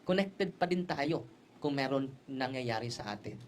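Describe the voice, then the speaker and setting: A male priest preaching a sermon who tells stories and keeps adding quick tag questions, switching languages as he goes. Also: mid-range voice, animated, slight background noise. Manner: storytelling with frequent tag questions; mixes Tagalog, Cebuano and English.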